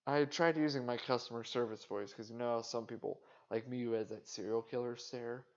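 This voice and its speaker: A man hosting a podcast, rambling casually in a flat, indifferent way, swearing and making fun of himself. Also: mid-range voice, normal speed. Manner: casual, swearing, self-mocking. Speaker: podcast host. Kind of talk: rambling solo monologue. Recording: dull lo-fi sound.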